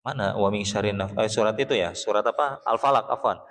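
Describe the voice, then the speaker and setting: A man from West Java with a Sundanese accent, teaching Quran recitation in a mosque. He patiently explains how the letters sound, then chants verses slowly for the class to repeat, and often clears his throat. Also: on the low side, a bit bright. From Sundanese region of West Java, Indonesia. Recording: long reverb of a mosque hall.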